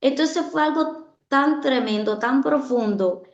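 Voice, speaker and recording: A woman's voice: high voice, unhurried. A woman giving an earnest personal testimony in an interview, often repeating her phrases for emphasis. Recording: echoey, dull-sounding room.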